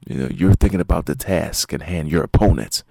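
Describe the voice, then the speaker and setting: A man's voice: extremely low pitch, fairly quick, vocal fry, warm tone, breathy edge, no echo. A man hosting his own podcast as a martial arts instructor, talking casually and rambling with lots of fillers and restarts. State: sleepy, yawning. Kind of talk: casual solo podcast talk.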